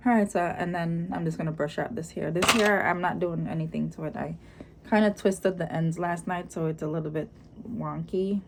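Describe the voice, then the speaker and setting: A woman with a Jamaican accent chatting casually in a vlog, explaining things as she goes in an unhurried, conversational way. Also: fairly low pitch, steady tone. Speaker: vlogger. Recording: clearly noisy room ambience.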